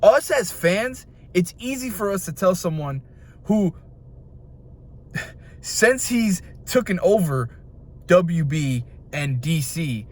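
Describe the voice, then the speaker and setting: Young male host, heated rant, slightly high voice, restless and jumping between points. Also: slow pace, long pauses. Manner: frustrated, animated, jumps between points. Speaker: video host. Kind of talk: ranting opinion video.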